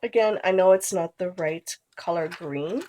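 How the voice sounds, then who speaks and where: A scrapbooking vlogger in her thirties talks through a craft tutorial in a fairly low voice at normal speed, sounding nasal from a cold. She's relaxed and chatty, trailing off as she works. There's a little hiss or hum on the recording.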